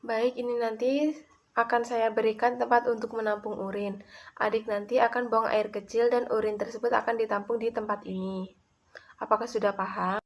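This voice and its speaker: A woman's voice: fairly high pitch, level tone, moderate pace, lightly acted. A woman playing a polite laboratory nurse who gives instructions in a scripted student role-play. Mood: polite, calm.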